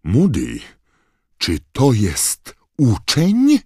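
A man's voice: big pitch swings, unhurried, breathy edge, no echo, clean studio sound, full character voice. A man voicing a stern older female witch teacher who cries out in alarm. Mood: shrieking. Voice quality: shrill, shocked.

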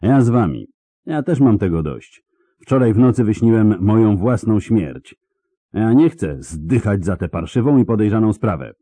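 A fed-up, fearful male soldier speaks urgently and with disgust, as a male narrator puts him on. The voice is raised in pitch and loud. The sound is dry and close. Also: lively intonation, normal speed, no echo.

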